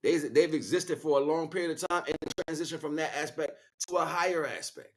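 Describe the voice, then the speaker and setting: This spiritual teacher livestreams a casual lecture, talking off the cuff with emphatic repetition and frequent check-ins with his audience. His voice is fairly high and a little fast, and there's background noise.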